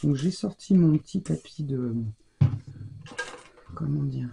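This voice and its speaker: Gravelly-voiced woman chatting while crafting. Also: sits low, takes it slowly, background noise. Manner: chatty, thinking aloud while working. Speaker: scrapbooking crafter. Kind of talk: casual crafting commentary.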